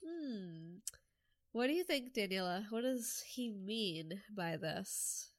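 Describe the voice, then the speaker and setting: A young woman co-hosts a casual fan podcast with a congested, stuffy voice. She speaks slowly and hesitantly, pausing to search for words. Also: medium pitch, lively intonation. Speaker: podcast co-host.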